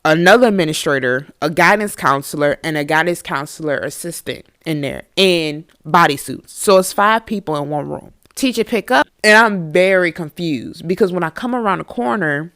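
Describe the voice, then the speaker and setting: A woman hosting a podcast and telling a storytime tale in an animated, swearing, filler-packed way. Her voice sits on the low side. The recording is dry, with no room sound around it. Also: normal speed, no echo. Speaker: podcast host. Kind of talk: casual storytime monologue.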